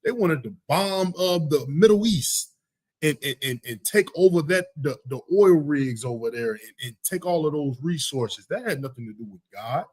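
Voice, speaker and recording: A man's voice: fairly high pitch, lively intonation, normal speed, a little mellow, dry recording. A man hosting a live talk show, giving heated, preachy religious commentary with emphatic repetition. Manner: emphatic, preachy, repeats "you know what I'm saying". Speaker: podcast host.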